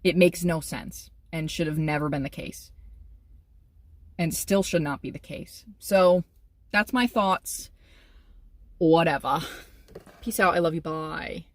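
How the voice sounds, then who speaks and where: A young woman talks straight to her vlog audience in a loose, rambling way, her feelings running close to the surface. She keeps starting over and cutting herself off. Her voice sits a little low, and the sound is dry and close. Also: slow pace, long pauses, dry recording. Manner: rambling, emotional, self-interrupting. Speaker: vlogger. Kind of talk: casual vlog monologue.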